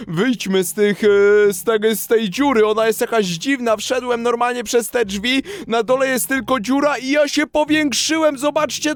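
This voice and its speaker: A young man giving excitable, animated commentary on his Minecraft game, swinging between whiny complaints and shouts. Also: high-pitched, clear, resonant tone, dry recording. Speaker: Minecraft YouTuber.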